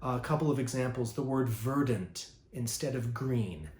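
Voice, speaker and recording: A man teaching poetry in a relaxed, thoughtful way, pausing often with ums and uhs. His voice sits in an ordinary middle range. The sound carries a noticeable roomy echo. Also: medium pitch. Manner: thoughtful, fond of words, many ums and uhs. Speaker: poet teaching a master class. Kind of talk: informal spoken lesson.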